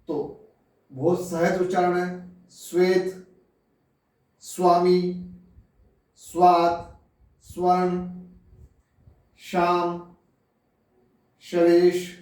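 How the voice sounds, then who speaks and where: A man giving a slow classroom lecture on pronunciation, explaining word by word and addressing his listeners directly. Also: high-pitched, a little mellow. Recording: echoey room, voice from far off.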